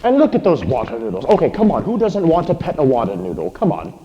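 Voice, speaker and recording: Deadpan man with a mellow voice. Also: fast, muffled recording. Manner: dry, deadpan mock sales pitch. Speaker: co-host. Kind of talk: live convention stage banter. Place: convention hall stage. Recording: reverberant hall with faint music.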